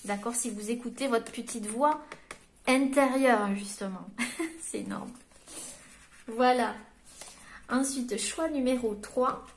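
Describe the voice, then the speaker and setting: Gentle, encouraging French woman reading cards. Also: on the high side, takes it slowly, pauses often, a little hiss or hum. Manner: gentle and encouraging, reads quotes aloud then explains them. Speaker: medium giving a card reading. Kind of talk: spiritual card reading to viewers.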